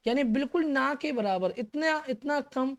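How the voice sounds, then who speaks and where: A man teaching an English grammar lesson for exam students. He explains step by step, asks questions and answers them himself, checks in with "okay" after each point, and slows down to spell out key English terms. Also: very high voice, expressive, muffled recording.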